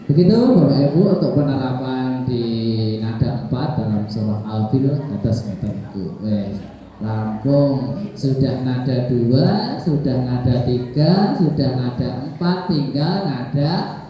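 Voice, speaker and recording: A man with a Javanese accent teaching teachers to recite the Quran in melody, switching between chanting verses and brisk explanation. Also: medium pitch, lively intonation. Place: school hall. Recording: dull, echoey hall with reverb.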